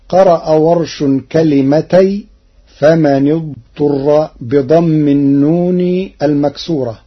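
A man teaching Quranic recitation rules in a measured, methodical way, quoting each verse slowly and drawn out. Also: a little high, slightly rough, muffled recording.

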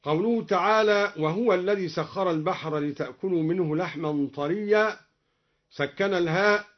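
A man explaining variant readings of the Quran, alternating plain explanation with slow melodic recitation. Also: high voice, highs cut off.

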